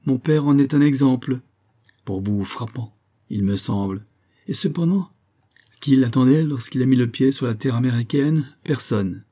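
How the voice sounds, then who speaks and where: A man's voice: medium pitch, normal speed, mellow, voice pushed up, natural voice. A man reading the part of a firm, self-assured young colonel in an audiobook, speaking earnestly and persuasively.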